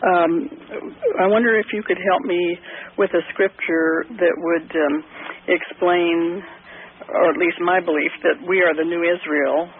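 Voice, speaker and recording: A woman calling in to a radio show over a phone line, hesitant and pausing with fillers, with a husky voice. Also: fairly low pitch, steady tone. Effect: caller heard over a phone line.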